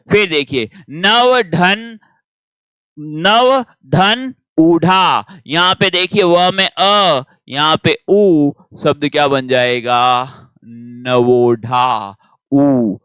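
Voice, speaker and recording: Bright, clear-voiced male Hindi teacher. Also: fairly high pitch, no room sound. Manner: patient, asks questions and answers them himself. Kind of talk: classroom grammar lesson.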